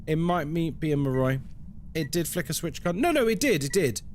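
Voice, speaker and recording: A man's voice: a little high, sing-song, brisk, a little hiss or hum. A man chatting casually as a live game streamer, with playful, tongue-in-cheek banter and commentary for his viewers.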